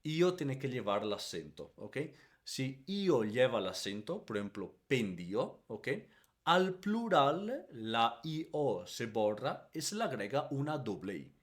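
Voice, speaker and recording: Teacher man, lively and patient. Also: mid-range voice. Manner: explains step by step, keeps checking with "¿ok?"; stretches the Italian example words slowly and loudly. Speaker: Italian language teacher. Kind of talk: grammar lesson.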